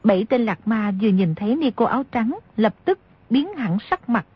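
Husky-voiced woman narrating a story. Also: fairly high pitch, big pitch swings, normal speed, no echo. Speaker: audiobook narrator. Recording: dry, dull lo-fi audio.

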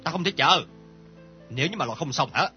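An actor playing a greedy, bullying old moneylender who turns cowardly, with a husky, blustering voice. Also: male voice, fairly high pitch, expressive, a little fast, close to an everyday voice. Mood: domineering. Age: older. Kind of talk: radio drama acting. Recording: dull lo-fi recording with faint music.

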